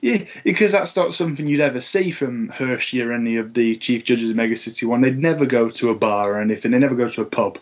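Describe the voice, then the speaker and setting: A man's voice: mid-range voice, quick pace, few pauses, lo-fi sound. A man talking casually on a podcast, hesitant, with many fillers and restarts. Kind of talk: casual comics discussion.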